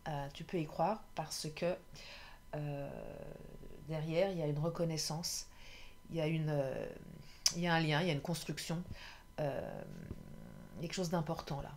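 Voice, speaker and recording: A woman's voice: low-pitched, steady tone, unhurried, pauses often, a little mellow, a little hiss or hum. A woman doing a casual card reading to camera. She is chatty, hesitates with many fillers and laughs at herself. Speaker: tarot card reader.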